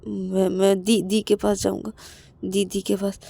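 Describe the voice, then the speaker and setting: A woman's voice: mid-range voice, flat delivery, unhurried, gravelly, dark tone, breathy edge. A woman voicing a frightened young man who stammers and pleads through tears. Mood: tearful pleading.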